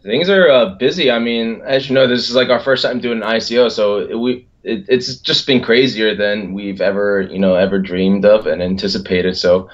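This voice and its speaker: A man in his thirties from Philadelphia, a company executive chatting as a guest in an interview over a video call, relaxed and quick to laugh. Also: on the low side. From Philadelphia, United States. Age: 30s. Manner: laughs often, relaxed with fillers. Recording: dull lo-fi call audio.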